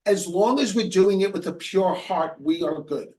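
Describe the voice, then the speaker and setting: A man giving a real estate coaching webinar, telling a client story earnestly and going soft and quiet in the emotional parts. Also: high voice, normal speed, echoey room, recorded from a distance. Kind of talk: webinar presentation.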